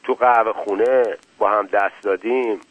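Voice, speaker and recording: Casting: a man doing a menacing gambler, thick low voice, short threatening lines. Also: steady tone, no echo, phone-quality sound, lightly acted. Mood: resentful. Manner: curt, threatening.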